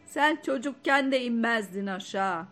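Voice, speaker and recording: A woman reading the part of a self-assured, grey-haired middle-aged man who teases and calls out loudly in a story. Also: on the high side, lively intonation, a little slow. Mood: teasing. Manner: teasing, calling out loudly.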